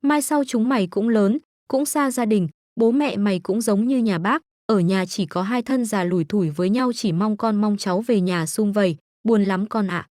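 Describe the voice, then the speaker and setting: A woman's voice: medium pitch, normal speed, few pauses, darkish tone, no room sound, clean studio sound, lightly acted. A woman reading the part of a tired, loving country mother who speaks soothingly and sorrowfully. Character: weary, loving middle-aged rural mother.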